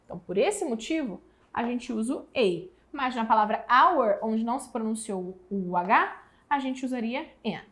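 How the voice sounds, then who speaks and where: A woman from Brazil with a Brazilian Portuguese accent, teaching an exam prep English lesson and slowly stretching out the example words. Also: a little high, expressive, fairly bright tone.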